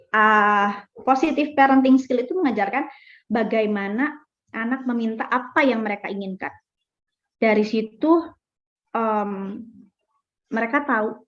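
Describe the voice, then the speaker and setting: A young woman talks about parenting in a casual, chatty way. Her voice sits a little high. She slips in fillers and mimics children and parents. The recording is dull and lo-fi. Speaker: parenting speaker. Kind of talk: casual talk.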